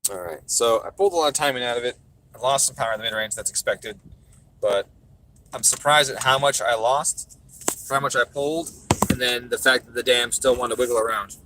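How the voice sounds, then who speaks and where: A man's voice: medium pitch, fairly quick, sharp tone. A man hosting a casual stream from a tuning shop, swearing freely and answering viewer questions. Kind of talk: casual livestream chat.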